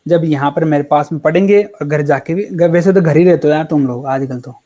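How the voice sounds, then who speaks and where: High-voiced, chatty male chemistry teacher. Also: fairly quick, mellow, highs cut off. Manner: chatty and encouraging, calls students beta and yaar. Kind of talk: casual online class teaching.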